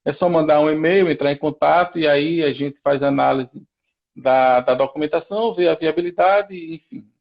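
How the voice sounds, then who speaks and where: Speaking at a normal speed with vocal fry, a man whose voice sits on the high side takes part in a live stream as a lawyer guest. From Recife, he has a Pernambuco Brazilian Portuguese accent and explains procedures step by step, frequently starting over, and the sound is lo-fi.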